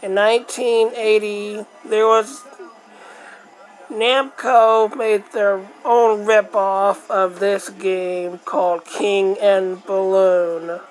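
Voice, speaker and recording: A woman hosting a retro game video, musing casually over old footage and clearing her throat now and then. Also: medium pitch, little pitch movement, extremely slow, low-quality recording.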